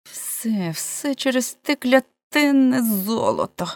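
A woman's voice: fairly high pitch, sing-song, slow pace, dry recording, pitched above the performer's own voice, exaggerated voice. A woman doing a grumbling, quarrelsome man. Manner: grumbling, sarcastic.

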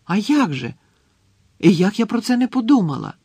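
A man voicing a clever, bossy schoolgirl in an audiobook, speaking eagerly and insistently with a gravelly, husky voice. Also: fairly high pitch, moderate pace, darkish tone, no room sound, lightly acted. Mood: excited. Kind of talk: audiobook character reading.

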